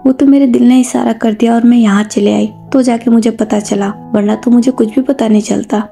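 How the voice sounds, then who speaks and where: A woman's voice: a little high, fairly even intonation, moderate pace, creaky, mellow, soft background music. A woman voicing a protective mother who scolds insistently out of worry. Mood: scolding. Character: stern worried mother, protective and quick to anger.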